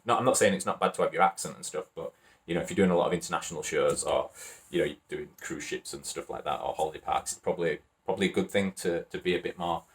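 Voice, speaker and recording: A man with a Wakefield accent, rambling casually and chuckling as he hosts a reaction video. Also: low voice. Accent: Wakefield, Yorkshire. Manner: rambling and chatty, chuckles often.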